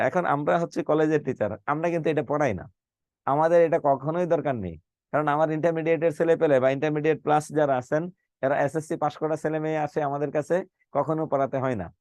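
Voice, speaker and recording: A middle-aged teacher gives a live online lecture on Bengali phonetics, saying letters aloud and putting questions to his students. His voice is on the high side with a darkish tone, and there's no echo.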